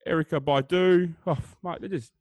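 A man's voice: fairly high pitch, steady tone, normal speed, a little mellow, dry recording. A man with an Australian accent co-hosting a podcast in casual, joking banter, full of fillers and "mate". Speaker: podcast co-host.

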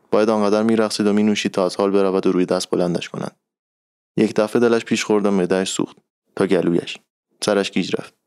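A man narrating a literary short story in a calm, measured reading voice. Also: low voice, gravelly, smooth, no room sound, clean studio sound.

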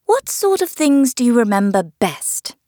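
A woman's voice: fairly high pitch, very animated, measured pace, dark tone, dry recording, clean studio sound. A woman voicing a kindly, muddle-headed storybook queen in an airy, matter-of-fact way. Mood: airy, careless.

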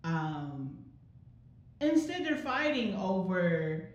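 A woman's voice: fairly low pitch, very animated, extremely slow, heavy reverb, muffled recording. Heated, blunt woman podcast co-host. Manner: blunt, heated, swears freely. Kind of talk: casual podcast chat.

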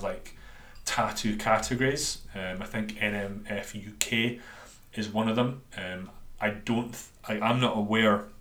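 A Scottish man with a Dundonian accent talks casually in a lowish, slightly bright voice. As a solo podcast host and coach he wanders a bit and is self-deprecating, recorded in an echoey, roomy-sounding space.

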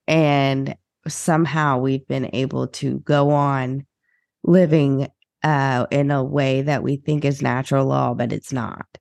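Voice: mid-range voice, vocal fry, darkish tone, dry recording, studio quality. A podcast co-host in casual chat, rambling and meandering, with frequent swearing.

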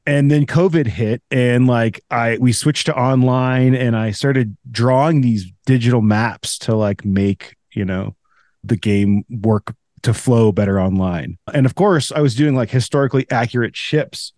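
A man's voice: medium pitch, measured pace, a little mellow, dry recording, clean studio sound. A man talking as a podcast guest, telling a long story in a rambling, casual way full of restarts. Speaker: podcast guest, game designer.

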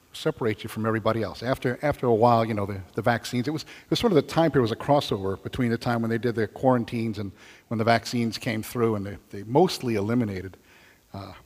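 Older guy preaching in church, bit husky, big cathedral echo on it. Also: on the low side, darkish tone. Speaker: deacon giving gospel reading and homily. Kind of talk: liturgical reading and conversational homily. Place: large church, over a PA.

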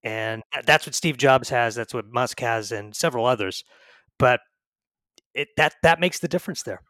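A man with a mid-pitched voice talking reflectively and casually, restarting now and then. The sound is dry. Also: moderate pace, sharp tone, no room sound. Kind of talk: casual conversation.

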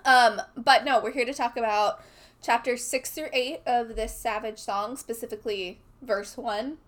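Woman, podcast co-host, slightly high, casual and chatty book recap. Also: fairly even intonation, unhurried, a bit bright. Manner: chatty, laughing, summarizing chapters.

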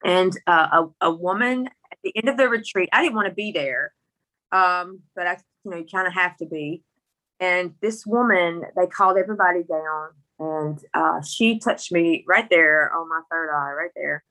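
Bright, forceful Mississippi country-accented woman. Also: fairly low pitch, moderate pace, poor audio. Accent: Mississippi Southern country. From Mississippi, rural United States. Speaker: interview guest telling her story. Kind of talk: personal storytelling in conversation.

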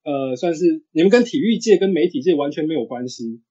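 A man in his thirties with a husky voice, chatting casually as a sports podcast guest. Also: on the high side, expressive, a little fast, dark tone. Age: 30s. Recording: dull, lo-fi audio.

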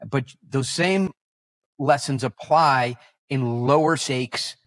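A man who is a guest on a podcast, telling animated stories with halting restarts and self-corrections. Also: medium pitch, dry recording. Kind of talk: podcast interview storytelling.

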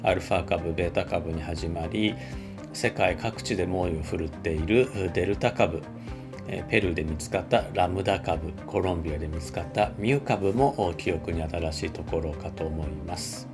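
A man, a computer scientist, giving an explanatory talk at a measured pace with frequent filler words. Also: sits low, over music.

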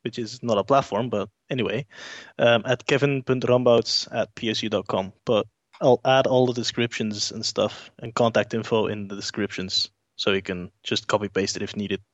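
A man's voice: lowish voice, steady tone, normal speed, dry recording. Dry, slightly muffled man chatting casually. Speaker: podcast co-host. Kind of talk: casual chat.

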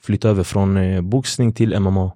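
A young man spins stories in a relaxed podcast chat, slipping into the voices of people he quotes. His voice sits low and mellow. The sound is close and dry, with no room around it. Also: dry recording. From Sweden. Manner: animated storyteller acting out quoted dialogue, fillers like "du vet". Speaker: MMA fighter, guest. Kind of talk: casual storytelling interview. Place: podcast studio.

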